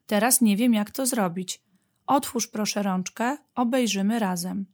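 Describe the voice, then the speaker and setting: Woman reads patient mother badger, calm and soothing, storybook style. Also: mid-range voice, unhurried, close to an everyday voice. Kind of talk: storybook reading.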